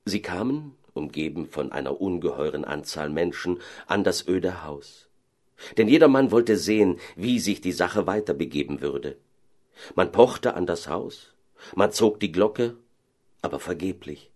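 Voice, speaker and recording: A man narrating a fairy tale in an expressive, dramatic way. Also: low voice, unhurried.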